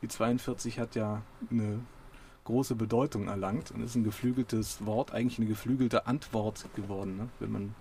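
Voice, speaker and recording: A man's voice: fairly low pitch, steady tone, moderate pace, mellow, a little hiss or hum. Casual male radio host. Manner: casual with fillers. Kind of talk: radio show talk and reading aloud.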